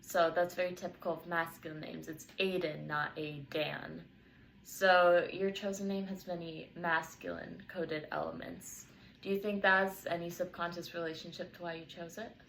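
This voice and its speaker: A woman's voice: fairly low pitch, little pitch movement, normal speed, fairly bright tone, slight background noise, low-quality recording. A young woman, a student, interviewing a partner and carefully reading prepared questions and explanations from notes.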